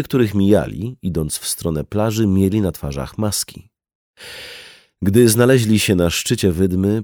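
A man reading a novel aloud as narrator, in an even, measured storytelling manner. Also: low-pitched, dry recording, clean studio sound. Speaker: audiobook narrator. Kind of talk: scripted narration.

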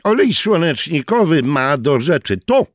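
A shrill young poet, hot-headed and suspicious, pushing his voice well above its usual depth, as a man reads him out. The lines come in urgent, hoarse half-whispers, recorded close and dry. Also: big pitch swings, slow, fairly bright tone, no echo, full character voice. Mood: hostile.

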